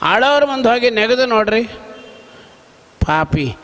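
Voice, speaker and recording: High-voiced man giving a dramatic sermon. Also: a little slow, a bit bright. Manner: dramatic storytelling, acts out dialogue. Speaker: religious discourse speaker. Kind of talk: devotional sermon. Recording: reverberant hall.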